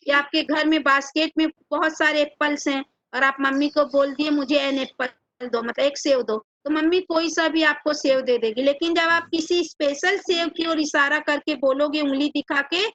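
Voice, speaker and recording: Woman teacher, Hindi accent, high pitch, dry close recording, patient question-and-answer delivery. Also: fairly bright tone, dry recording. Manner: asks rhetorical questions to the children and answers them herself. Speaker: English teacher. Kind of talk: classroom lesson explaining grammar.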